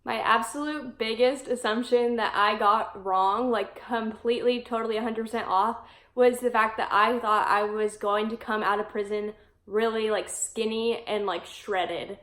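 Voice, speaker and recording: A woman in her twenties chatting casually to camera in a vlog, filling her talk with "like" and quick laughs. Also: fairly high pitch, fairly even intonation, fairly bright tone, echoey room. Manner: chatty, peppered with "like", frequent laughs. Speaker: vlogger. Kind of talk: casual talking-head vlog.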